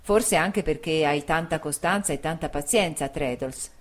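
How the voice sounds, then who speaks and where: A woman's voice: low-pitched, moderate pace, natural voice. A woman reading the part of a polite young man who speaks to an old friend in an audiobook. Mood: friendly.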